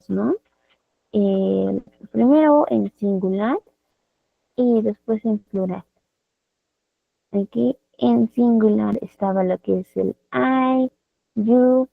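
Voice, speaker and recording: A woman with a Peruvian Spanish accent teaches a live online English class, explaining patiently and repeating lots of tag questions. Her mid-range voice is creaky, with no room sound, in dry, phone-like call audio.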